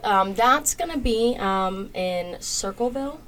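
A woman's voice: a little high, measured pace, a little hiss or hum, rough recording. A woman guest on a podcast, chatting casually about new home communities, with frequent ums as she lists details. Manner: relaxed, frequent ums while listing details. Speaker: home builder sales guest.

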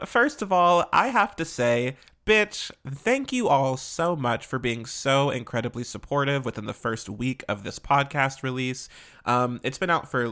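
A man's voice: mid-range voice, fairly bright tone. A man hosting a solo podcast in a casual, chatty way, sassy and candid with slangy, sweary phrasing. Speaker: podcast host.

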